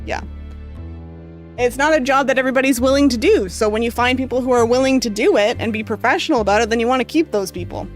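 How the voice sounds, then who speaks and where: She's a streamer with a fairly high voice who reads a visual novel's narration out loud and chats casually with her audience. All that reading is straining her voice, so she coughs from time to time, and her talk is loose, rambling, and full of fillers.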